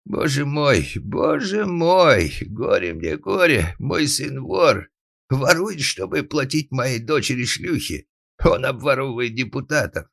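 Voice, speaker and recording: A man voicing a furious old father in an audiobook, shouting and lamenting in drawn-out cries. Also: fairly low pitch, expressive, no room sound, clean studio sound, pitched above the performer's own voice, full character voice. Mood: raging. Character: furious old male father, bellowing, tyrannical. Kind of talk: audiobook narration.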